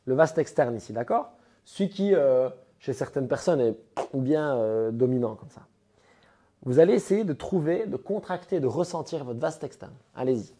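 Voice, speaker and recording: Stuffy-voiced Belgian coach from Liège. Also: male voice, medium pitch, lively intonation, moderate pace, warm tone. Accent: Belgian French, Liège. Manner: explains step by step, gives direct instructions. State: nasal from a cold. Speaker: CrossFit coach. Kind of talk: coaching a training session. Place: CrossFit gym.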